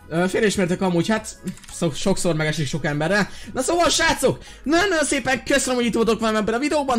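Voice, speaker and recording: An excitable man gives playful commentary on a video game and keeps talking to his viewers. His voice sits high. It swings up and down with lively energy, and faint music plays behind him. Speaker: gaming video host.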